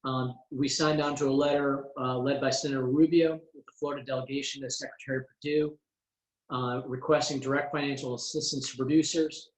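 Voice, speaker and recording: A man, a congressman, briefing constituents over a conference call in a measured way, pausing often on "uh" and going through items one by one. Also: mid-range voice, little pitch movement. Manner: measured, frequent "uh" fillers, lists items one by one. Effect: heard over a conference call line. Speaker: congressman hosting a teleconference. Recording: roomy echo on a conference call.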